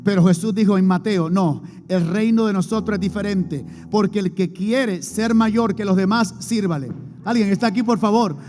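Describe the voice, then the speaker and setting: A man's voice: high-pitched, moderate pace, darkish tone. A man preaching a sermon as pastor, emphatic, calling on the congregation to repeat after him and answer. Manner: emphatic preaching with call-and-response prompts to the congregation. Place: church hall before a congregation. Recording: long hall reverb, faint music behind.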